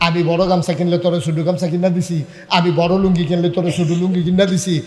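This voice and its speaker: Loud high-voiced preacher in an echoey hall. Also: male voice, monotone, rapid-fire. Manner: loud, emphatic preaching with shouts to the crowd; calls and answers with the audience. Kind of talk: sermon. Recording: echoey hall with long reverb.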